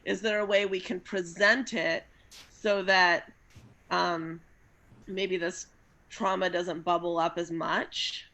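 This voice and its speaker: A woman's voice: fairly low pitch, flat delivery, slow pace, sharp tone. A woman co-hosting a podcast over a video call, asking thoughtful, hesitant questions with many fillers. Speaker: podcast co-host. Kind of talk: casual interview chat.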